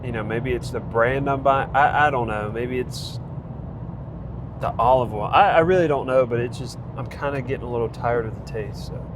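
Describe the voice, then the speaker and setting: In a noisy outdoor recording, a vlogger keeping track of his training program speaks at normal speed in a mid-range voice. Congested and casual, he rambles through his update with fillers and restarts.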